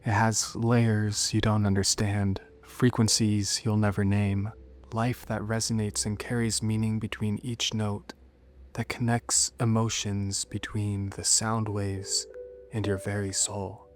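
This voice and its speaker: A seductive, menacing demon woman from a horror tale, acted out by a man in a low voice. The speech coaxes in cryptic lines and slips toward whispers. Music plays underneath. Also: flat delivery. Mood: soft, coaxing. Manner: slow, coaxing, cryptic speech with soft whispered turns. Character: seductive, menacing female sleep paralysis demon, coaxing and cryptic.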